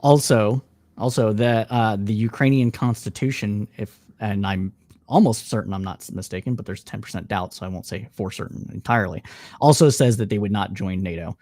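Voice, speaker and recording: A man arguing bluntly and emphatically in an informal political debate, quick to cut in. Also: lowish voice, warm tone, no echo, clean studio sound. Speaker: debate participant.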